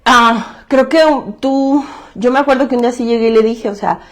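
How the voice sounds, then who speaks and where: A woman's voice: on the high side, steady tone, normal speed. A woman with a Mexican Spanish accent giving a candid testimony talk to a self-help group, blunt and emphatic, swearing freely and repeating phrases for emphasis.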